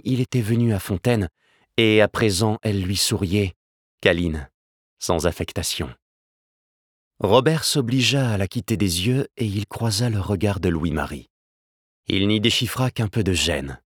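A man narrates a novel in a measured, steady reading. His voice sits low, and the recording is close and dry with no room sound. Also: slightly rough, no room sound.

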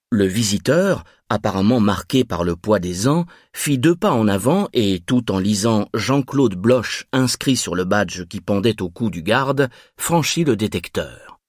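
Husky-voiced man narrating a thriller. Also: fairly low pitch, no room sound, clean studio sound.

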